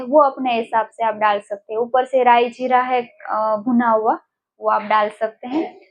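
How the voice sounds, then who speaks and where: A high-pitched woman talks through recipes at a slow, unhurried pace, pausing often with fillers. The audio is dull and lo-fi. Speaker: cooking presenter. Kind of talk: relaxed spoken recipe demonstration.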